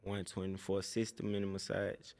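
A young man from Tennessee chats as a podcast guest, low in pitch and loose in his slang. He tells his stories in an easy, laid-back way. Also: monotone, a little fast, creaky, darkish tone. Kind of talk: casual chat.

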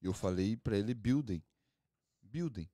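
Um homem brasileiro numa conversa descontraída de podcast, contando casos com gírias e animação. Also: male voice, fairly high pitch, fast talker, no room sound, clean studio sound. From Brazil. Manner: animated storyteller, slangy. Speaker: band member guest. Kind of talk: casual podcast chat.

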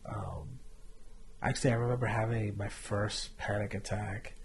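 A man on a faith podcast sharing a candid personal testimony, earnest and reflective with soft trailing asides. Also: fairly low pitch, steady tone, moderate pace, creaky, slight background noise.

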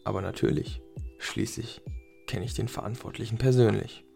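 A friendly, proud young man who likes knowing secrets, voiced by a man reading a story. His speech stays gravelly and low, with a confiding tone. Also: normal speed, mellow, soft background music.

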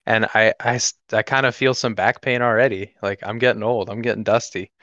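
A 21-year-old man, a guest or co-host on a podcast, chats casually in an easygoing, joking way. His voice is fairly low and fairly bright, with level intonation and a fairly quick pace. The recording is slightly dull but has no echo.

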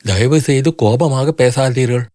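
A man voicing a gentle, worried young princess. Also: mid-range voice, measured pace, no echo, clean studio sound, lightly acted. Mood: anxious.

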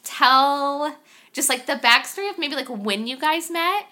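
A woman's voice: sits high, animated, a little slow, bright, forceful tone. A woman in her twenties hosting a podcast, chatting in a playful, teasing way. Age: 20s. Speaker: podcast host. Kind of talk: casual podcast chat.

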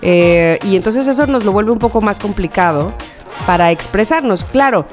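A woman's voice: medium pitch, expressive, moderate pace, darkish tone, soft background music. Hesitant woman on a podcast. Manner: hesitant, many fillers like "eh" and "este". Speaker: podcast co-host. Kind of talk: casual chat.

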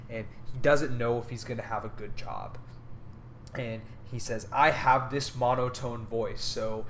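A young man with a mid-range voice co-hosts a casual podcast, chatting in an earnest, upbeat, rambling way. There's slight background noise.

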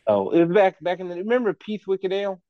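A man's voice: high voice, big pitch swings, fast talker, no echo, highs cut off. A man as a podcast guest in casual chat, giving blunt, profane, rambling opinions.

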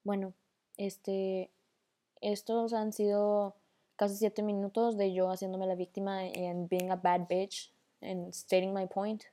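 A chatty young woman with a northern Mexican accent talks through a casual voice-memo podcast. She rambles freely, slips English slang into her sentences, and her voice sits mellow and warm at a middle pitch. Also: little pitch movement, slow pace. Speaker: podcast host.

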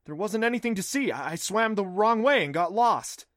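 A man reading a story, voicing a flustered, defensive teenage boy who is quick to complain. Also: medium pitch, pushed and bright, no echo, clean studio sound, natural voice.

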